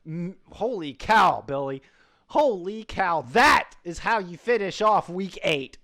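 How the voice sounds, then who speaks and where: A man casting an esports match, bubbling with hype as he breaks down the plays. His voice sits high and bright in pitch for a man. He talks in quick, excited bursts. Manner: excitable, hyped, shouts of praise. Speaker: esports co-caster. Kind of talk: esports post-match commentary.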